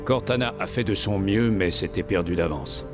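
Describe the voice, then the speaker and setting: An actor playing a grave, resolute warship captain in dramatic video game dialogue. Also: male voice, low-pitched, normal speed, over music, natural voice.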